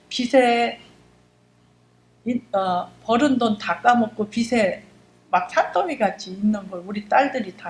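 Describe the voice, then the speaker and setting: A middle-aged deaconess gives a heartfelt testimony before her congregation. She tells her story with fervour and acts out her own prayers. Her voice rings through an echoey church hall over a faint hum. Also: mid-range voice. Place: church sanctuary.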